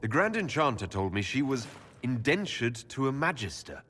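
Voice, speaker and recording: A man's voice: medium pitch, very animated, moderate pace, a bit bright, husky. An actor playing a wary, direct young envoy, firm and diplomatic in his questioning. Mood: guarded. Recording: long hall reverb.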